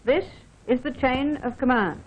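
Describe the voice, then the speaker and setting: An Australian woman officer reads scripted narration for a training film, formally instructing the listener directly. Her high voice is slightly slow with a breathy edge, and the recording has the dull, band-limited sound of a vintage film soundtrack.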